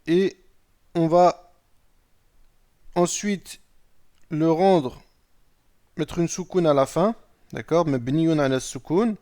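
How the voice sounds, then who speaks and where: Slow, patient man teaching Arabic grammar. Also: fairly high pitch, mellow. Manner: patient, explains step by step, often asks "d'accord?"; reads Arabic sentences aloud, then translates them. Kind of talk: recorded lesson explaining Arabic grammar.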